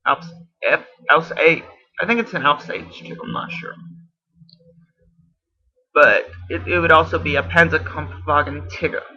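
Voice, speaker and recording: A man's voice: fairly high pitch, steady tone, measured pace, long pauses. A man in a casual video response, explaining at length, often correcting himself and unsure of details. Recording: dull lo-fi camera audio.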